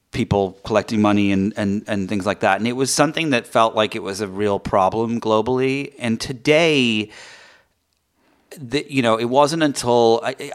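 A man's voice: fairly low pitch, a bit bright, clean tone. A man from England hosting a podcast interview, talking in a rambling way with many ums and restarts. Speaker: podcast host.

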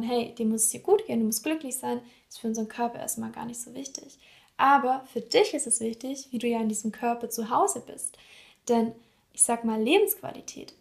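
Gravelly-voiced woman coaching her listeners. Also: on the high side. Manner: earnest, coaching, addresses listener directly. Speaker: psychologist and podcast host. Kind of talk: podcast monologue.

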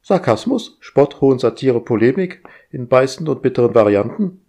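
A shrill, pedantic household AI woman who lectures and scolds everyone around her, voiced by a male reader. She sounds primly fussy and takes every word literally, in a storybook reading with her pitch pushed well up. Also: expressive, normal speed, gravelly, warm tone. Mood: prim scolding.

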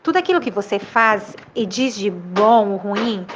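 A woman voicing a loving father who calmly explains a lesson to his son, on a dull lo-fi recording. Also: medium pitch, measured pace, noisy background, pitched below the performer's own voice, natural voice. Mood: gentle. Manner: calm, gentle, explaining.

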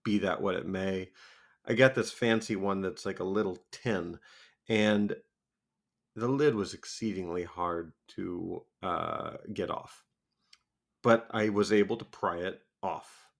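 A man's voice: low voice, slow pace, vocal fry. A man with a wheezy voice co-hosts a podcast in a casual, comic, self-deprecating way, laughing often. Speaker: podcast co-host.

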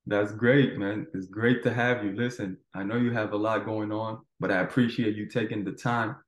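A man's voice: lowish voice, steady tone, normal speed. A man hosting a podcast interview in an informal, affirming, conversational way. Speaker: podcast host. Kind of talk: casual interview chat. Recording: echoey, roomy sound.

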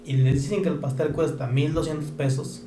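A man's voice: a little high, steady tone, fairly quick. Blunt Mexican man in an echoey room. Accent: Mexican Spanish. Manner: blunt, lecturing with everyday examples and swearing. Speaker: guest chef. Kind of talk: casual podcast chat. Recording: echoey room with faint noise.

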